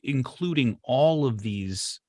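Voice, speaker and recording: A man's voice: medium pitch, animated, slow, dark tone, no room sound, studio quality. A man working as an interviewer, chatting casually in an effusive, emphatic way.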